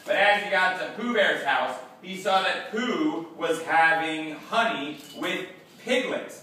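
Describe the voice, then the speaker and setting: A man narrating a children's class play in an expressive, drawn-out storytelling manner. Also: on the high side. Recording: echoey room, voice from far off, faint hiss.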